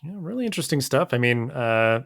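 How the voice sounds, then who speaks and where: A man's voice: medium pitch, brisk, vocal fry, no room sound, studio quality. Laid-back man hosting a podcast. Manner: relaxed, many filler "uh"s. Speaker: podcast host. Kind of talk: casual podcast interview.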